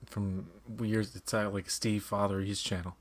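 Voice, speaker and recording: A man's voice: lowish voice, little pitch movement, unhurried. A man from Canada chatting casually as a watch-along co-host, blunt and repeating words for emphasis. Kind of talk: casual chat and commentary.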